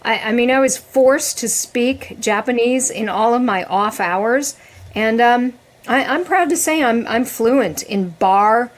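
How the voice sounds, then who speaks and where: Middle-aged woman, guest on a casual podcast, lively and chatty, slightly higher voice. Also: a little slow. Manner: animated, laughs often, restarts sentences.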